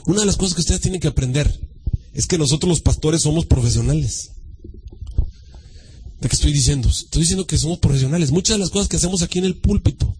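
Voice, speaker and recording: A male pastor preaching a sermon, dramatic, swinging from shouts to a hushed voice and mimicking churchgoers. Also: on the high side, fast talker, slight background noise, rough recording.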